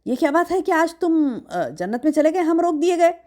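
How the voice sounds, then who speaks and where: A woman's voice: very high-pitched, sing-song, dark tone, voice pushed up. A woman teacher acting out a crowd of hypocrites begging the believers and protesting that they were with them. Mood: pleading. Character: desperate pleading crowd of hypocrites.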